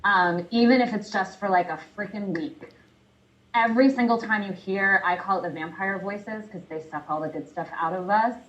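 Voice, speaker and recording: A woman career coach answering a question in an interview, animated and chatty, laughing often and talking with lots of fillers. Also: medium pitch, normal speed, muffled recording.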